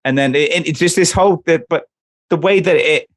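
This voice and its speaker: A man's voice: a little high, fairly quick, no echo. A man co-hosting a music podcast, rambling and reading lyrics aloud. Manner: rambling, restarts, reads out lyrics. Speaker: podcast co-host. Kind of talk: casual chat.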